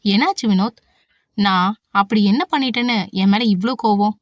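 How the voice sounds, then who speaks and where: A woman voicing a heartbroken young woman, the gentle heroine, speaking tearfully. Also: medium pitch, normal speed, dry recording, natural voice. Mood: sorrowful. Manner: sorrowful, tearful. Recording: dull, dry audiobook recording.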